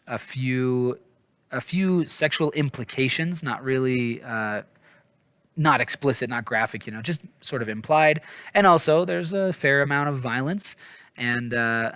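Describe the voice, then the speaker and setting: A man with a medium-pitched, somewhat bright voice and no echo gives a casual, rambling book review. His manner is informal, hedging and apologetic, self-deprecating and hesitant, and he often stumbles over his words.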